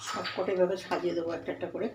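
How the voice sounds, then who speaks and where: Racing along in a lowish, level voice, a Bengali woman hosts a casual cooking demonstration from her kitchen, narrating each step as she cooks. The recording picks up echo and loud cooking noise.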